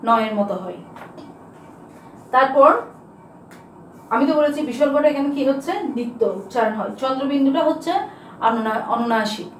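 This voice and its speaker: A woman teacher works through a grammar lesson, putting questions to her class and answering them herself. Her voice is high. She is heard from a distance in an echoing classroom, with a faint hiss behind her. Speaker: school teacher. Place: classroom with a board. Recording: echoey room, mic far off, faint background hiss.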